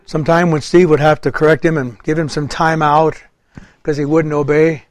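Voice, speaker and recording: A middle-aged man preaching a sermon in an earnest way, his voice swelling loud and then dropping soft. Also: on the high side, little pitch movement, moderate pace, no echo.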